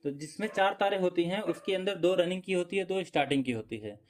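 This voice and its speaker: A man's voice: sits high, fast. A man teaching electrical repair step by step, explaining and checking in often while he demonstrates with tools. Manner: explanatory, repeats points, frequent "ठीक है" check-ins. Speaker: electrician instructor. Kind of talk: hands-on repair tutorial.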